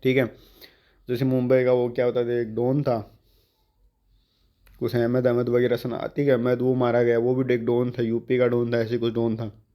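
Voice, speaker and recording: Male tutor, exam vocab lesson, slow drawn-out definitions, mid-pitched voice. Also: monotone, mellow. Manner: explains words in Hindi with slow drawn-out English definitions. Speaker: English vocabulary teacher.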